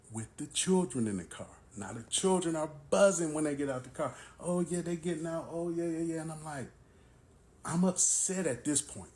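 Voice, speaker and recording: Guy in his 40s telling his own story, mid-pitch voice, acts out the back and forth. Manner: animated, acts out both sides of the dialogue. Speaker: vlogger. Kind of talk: personal storytelling to camera.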